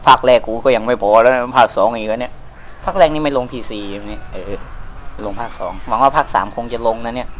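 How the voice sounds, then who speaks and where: A young man talks over his game in a loose, crude, joking way, with a middle pitch. A faint hiss of noise sits under his voice. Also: quick pace. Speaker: gameplay commentator. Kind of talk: casual let's play commentary.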